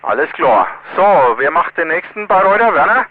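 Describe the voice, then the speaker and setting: A man chatting casually as he runs an amateur radio check-in over walkie-talkie, in brisk, clipped radio procedure talk. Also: on the high side, big pitch swings, no echo. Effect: two-way radio, walkie-talkie. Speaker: amateur radio net controller. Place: closed container. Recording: narrow, tinny walkie-talkie radio sound.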